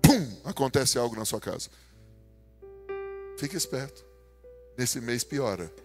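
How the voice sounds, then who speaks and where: A man with a Brazilian Portuguese accent preaching a humorous sermon, telling stories and acting out dialogue, swinging between loud bursts and quiet asides. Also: mid-range voice, measured pace, music in the background. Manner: animated, jokey, acts out dialogue, swings from loud to soft.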